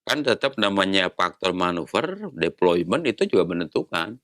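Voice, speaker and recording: A man's voice: low-pitched, sing-song, normal speed, fairly bright tone, dry recording, clean studio sound. A man in his sixties, a retired navy admiral, explaining patiently in a casual interview and posing rhetorical questions. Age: 60s.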